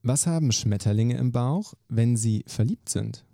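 Gravelly-voiced male podcast host. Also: mid-range voice, dry recording, studio quality. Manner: brisk, lively questioning. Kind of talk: quick-fire question interview.

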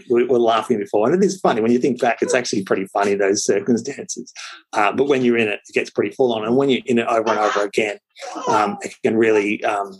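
A man, chatting casually about being a new father and telling lively stories with plenty of ums. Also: medium pitch, husky, poor audio. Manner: lively anecdotes with frequent fillers. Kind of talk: casual storytelling chat.

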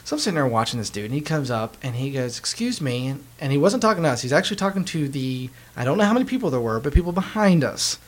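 Animated slangy man telling a story. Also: on the high side, racing, few pauses. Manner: animated, slangy, acts out quoted people. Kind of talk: casual storytelling chat.

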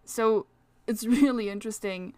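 A woman's voice: fairly high pitch, moderate pace, darkish tone, dry recording. A woman with a French accent hosting a casual solo podcast, talking in a rambling, chatty way full of fillers. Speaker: astrology podcast host.

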